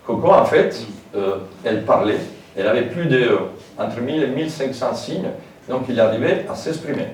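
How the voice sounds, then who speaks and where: A man's voice: medium pitch, animated, normal speed, darkish tone. A man giving a public lecture in a hall, informal and hesitant, with many fillers and asides. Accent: French with a foreign lilt. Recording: very echoey hall, distant mic, faint noise.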